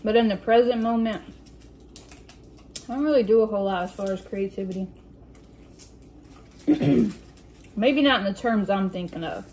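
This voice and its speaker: A woman's voice: mid-range voice, a little mellow. Woman chatting casually over soup, noisy clatter. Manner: eating soup while talking, with pauses and throat clearing. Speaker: vlog host reading out questions. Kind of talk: casual mukbang chat. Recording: noticeable room noise with dish and cutlery clatter. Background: clinking cutlery and dishes.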